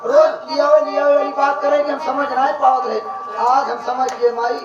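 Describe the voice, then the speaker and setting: A man playing a comic rustic male servant who talks in dialect, excitable and loud. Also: extremely high pitch, moderate pace, background noise. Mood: complaining. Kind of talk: folk stage comedy. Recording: echoey, distant, dull stage recording with loud music.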